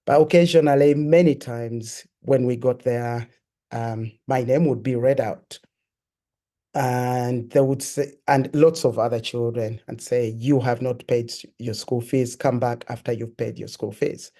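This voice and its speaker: A man from Uganda, a guest sharing his life story in an interview, telling it in a reflective, earnest and measured way. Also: mid-range voice, fairly even intonation, mellow. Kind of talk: personal testimony in an interview.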